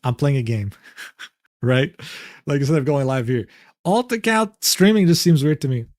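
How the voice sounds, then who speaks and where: A man with a fairly high voice, streaming live and reacting to clips in a brash, profane way. The recording is close and dry. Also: expressive, moderate pace, darkish tone, no echo.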